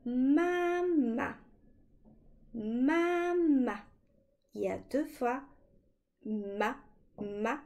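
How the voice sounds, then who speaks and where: A woman teaching children a language lesson, slowly and clearly demonstrating sounds. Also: on the high side, darkish tone.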